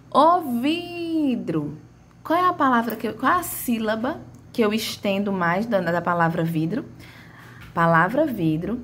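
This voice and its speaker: A woman with a mid-range voice teaches a grammar lesson, drawing out and calling out example words as she explains. There's a slight hiss or hum in the recording.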